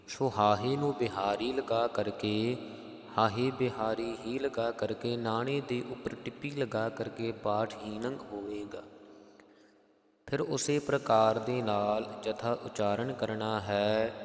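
A man with a Punjabi accent teaching scripture pronunciation, chanting verses slowly and then explaining each letter. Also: mid-range voice, roomy sound, long reverb tail. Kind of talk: Gurbani pronunciation lesson with sung recitation.

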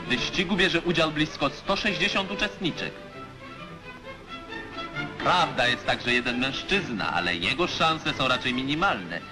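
A man giving formal, declamatory narration for an old 1950s newsreel. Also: medium pitch. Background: music.

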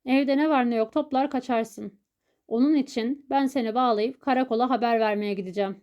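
A woman's voice: fairly high pitch, brisk, darkish tone, natural voice. A woman voicing a flustered, indignant male tenant in an audiobook, blustering as he speaks.

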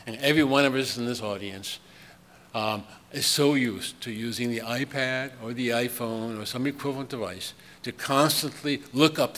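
A man's voice: medium pitch, a bit bright. Older male keynote speaker, chatty and wry, at a podium mic in a big echoing hall. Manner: conversational, chuckling asides, frequent ums. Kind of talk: conference keynote lecture. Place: large conference hall with audience. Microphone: podium microphone. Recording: long hall reverb, faint room noise.

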